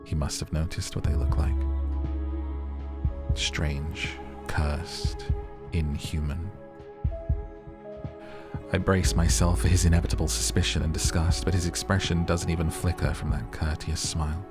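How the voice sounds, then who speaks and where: A man reading a visual novel story aloud in a measured, dramatic narrating style. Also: deep voice, level tone, loud music behind the voice. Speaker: video game player reading aloud.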